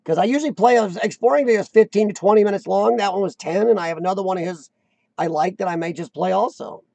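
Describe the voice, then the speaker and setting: Hosting an informal live stream, a man talks fast and wanders off topic, putting himself down and backtracking in his sentences. His gravelly voice sits fairly high with a warm tone, captured close and dry with no room around it.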